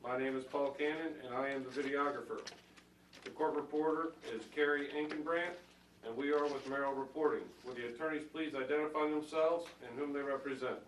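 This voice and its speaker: A man acting as legal videographer, reading a formal deposition announcement in a flat, procedural way. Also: medium pitch, fairly quick. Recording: echoey, distant from mic, room noise.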